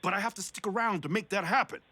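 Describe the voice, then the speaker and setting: An actor playing an earnest, dogged police officer in an animated crime drama. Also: male voice, sits high, fast talker, slight background noise.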